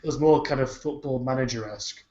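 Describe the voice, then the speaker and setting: A man co-hosts a podcast in loose, rambling chat, dropping swear words as he goes. His voice sits at an ordinary pitch. The recording is roomy, echoey and somewhat dull. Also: fast talker, a crowd in the background. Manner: swears freely, rambling with fillers. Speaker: podcast co-host. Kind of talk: casual chat.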